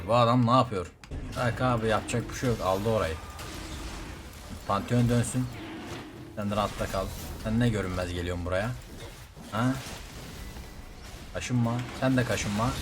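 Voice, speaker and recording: Excitable man giving gameplay commentary. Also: medium pitch, background noise. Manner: excitable, quick reactive outbursts, repeats words. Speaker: game streamer.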